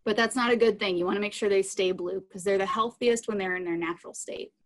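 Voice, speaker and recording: With a steady tone and a quick pace, a woman in her thirties presents live animals as a science educator, her pitch sitting in the middle range. Her informal live talk takes audience questions, and she explains plainly in language children can follow. The audio comes through a computer mic on a video call from a small indoor room at home.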